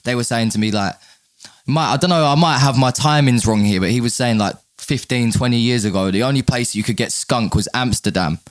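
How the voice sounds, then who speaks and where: A man's voice: medium pitch, brisk. A man with an urban London roadman accent and slang, talking candidly and casually as a podcast guest, often repeating his words. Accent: London, urban street. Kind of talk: casual chat.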